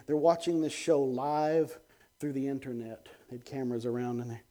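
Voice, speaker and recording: A middle-aged man, a guest evangelist, telling an animated testimony on a TV show, dropping to hushed tones and bursting out loud with chuckles. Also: normal speed. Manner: swings between hushed low tones and loud excited outbursts, chuckling.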